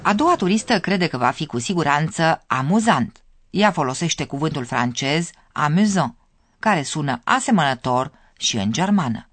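A radio lesson host reading scripted narration clearly, explaining and addressing listeners directly. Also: medium pitch, lively intonation, fairly bright tone.

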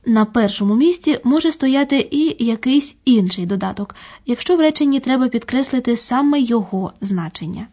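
A woman giving a scripted, measured grammar lecture. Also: fairly high pitch, expressive, warm tone. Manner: measured, didactic. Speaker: language lecturer.

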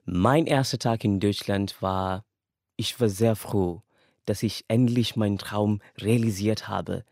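A young Kenyan man, a language student who grew up speaking English and Swahili, shares a casual, earnest personal story, laughing lightly between thoughts. His voice is lowish, slow, creaky and somewhat dark. The studio-quality recording has no room sound.

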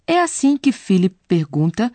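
A woman's voice: medium pitch, big pitch swings, normal speed, dark tone, no echo. A woman co-presenting a scripted radio lesson, posing listeners' questions to the teacher in a conversational way. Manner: inquisitive, conversational.

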